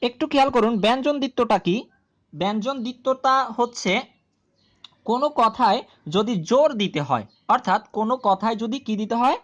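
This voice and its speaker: Speaking to her video audience in a fairly high, animated voice, this woman walks through a grammar lesson at a slow pace. Key terms come up again and again, and she frequently asks questions that she then answers.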